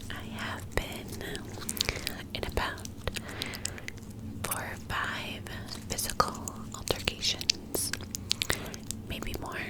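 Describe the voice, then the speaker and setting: A woman speaks entirely in a breathy whisper, as if through cupped hands. Her ASMR ramble moves very slowly, and she lingers over words, often repeating them. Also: poor audio. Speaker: ASMR host.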